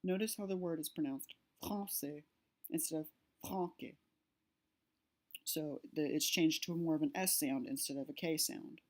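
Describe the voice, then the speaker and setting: A woman's voice: low-pitched, moderate pace, a little mellow. A woman narrating a slide-based language lesson, explaining step by step with fillers and self-corrections. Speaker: language teacher.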